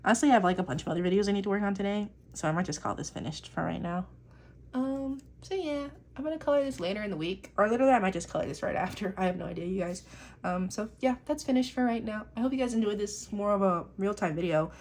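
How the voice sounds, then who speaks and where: A young woman, an artist vlogger, chats while she inks a drawing, rambling off on tangents, swearing casually now and then, and filling gaps with lots of "like" and "um." Her voice is medium-pitched, fast, and a little mellow.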